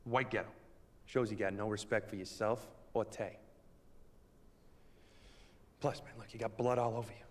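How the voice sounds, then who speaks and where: A man playing a tough young street hustler in a video game, mocking and taunting in street slang. His low voice sounds distant, with a long reverb trailing behind. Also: steady tone, normal speed, pauses often, natural voice.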